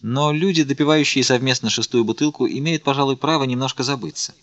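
A man's voice: mid-range voice, fast, no echo, muffled recording, pitched above the performer's own voice, lightly acted. A man reading a young, courteous royal army officer in an audiobook, polite and formal.

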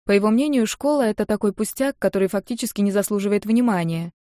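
A woman's voice: medium pitch, fast, dark tone, dry recording, clean studio sound. A young woman narrating a first-person audiobook in a wry, matter-of-fact way. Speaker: audiobook reader.

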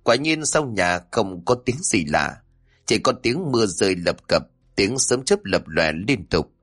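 A man narrating a horror story in a suspenseful, measured way. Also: fairly low pitch, very animated, a bit bright.

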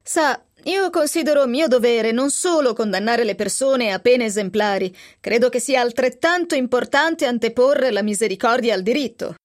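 A woman's voice: a little high, moderate pace, hardly any pauses, pitched above the performer's own voice, natural voice. Smug genial older judge, read by a woman, self-assured, radio storytelling. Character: affable self-satisfied older male judge.

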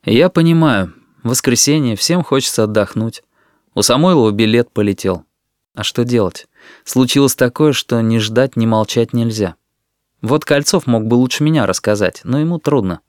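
A man's voice: mid-range voice, normal speed, no echo, studio quality, natural voice. A man voicing a young leader who chairs a meeting with restraint. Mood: serious. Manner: restrained, serious.

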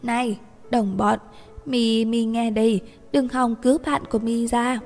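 A woman's voice: on the high side, steady tone, unhurried, darkish tone. A woman voicing a drunk, stubborn young woman who talks in a clingy, bossy way. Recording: reverberant room with faint music.

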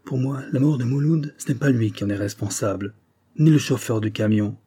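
A man's voice: medium pitch, brisk, mellow, breathy edge, lightly acted. A man reading a thoughtful neighbor who argues earnestly about who is to blame. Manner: earnest, reasoning. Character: thoughtful male neighbor, bitter social critic.

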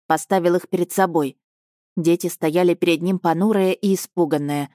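Low voiced woman reading a kids story, dry close mic. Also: fairly even intonation, moderate pace, mellow, no room sound. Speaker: narrator. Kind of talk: storybook audiobook narration.

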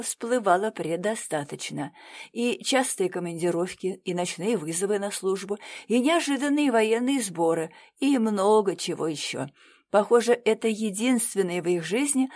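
A woman's voice: mid-range voice, darkish tone. A woman steadily narrating a first-person novel as an audiobook reader.

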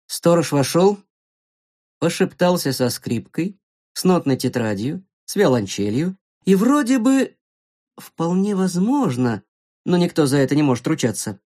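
A narrator reading a storybook aloud in an expressive, playful way. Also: medium pitch.

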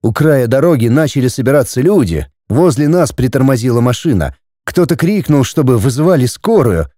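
A man's voice: mid-range voice, sing-song, brisk, warm tone, no echo, studio quality. Man reading an audiobook with drama. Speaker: audiobook narrator. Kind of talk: first-person audiobook narration.

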